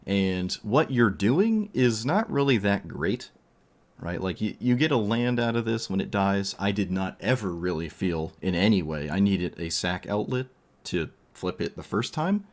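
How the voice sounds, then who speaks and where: A man's voice: on the low side, expressive, a little slow. A man streaming a card game, thinking aloud in casual commentary while losing his voice.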